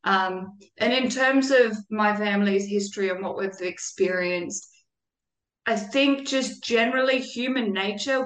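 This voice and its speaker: A woman's voice: on the high side, a bit bright. Earnest woman in an echoey room. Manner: earnest and reflective, with occasional laughs. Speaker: guest. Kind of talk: conversational interview.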